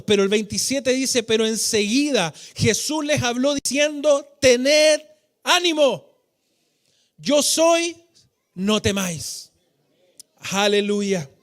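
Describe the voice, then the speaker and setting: Chilean male preacher, strikingly high pitch, emphatic and fervent, lingers on words in a singing cadence. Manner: fervent, drawn-out emphatic phrasing with sung cadences. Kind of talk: sermon. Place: church hall.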